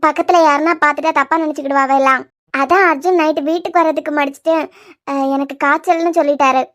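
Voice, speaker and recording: A woman voicing Diya, high quick Kanyakumari-accented friend. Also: steady tone, fairly bright tone. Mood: chatty. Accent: Kanyakumari Tamil. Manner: earnest, coaxing, quick-talking. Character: caring, frank young woman friend, Diya. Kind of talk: cartoon web series voice acting.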